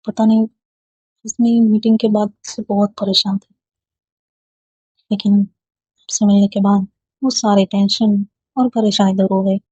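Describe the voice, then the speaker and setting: A shy, gentle young woman in love, as a storyteller voices her, speaking softly and pleading in a husky, mellow tone. She talks slowly and unhurriedly. The recording sounds dry and a little muffled. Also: medium pitch, flat delivery, dry recording. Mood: affectionate. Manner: soft, pleading. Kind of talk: storybook dialogue read aloud.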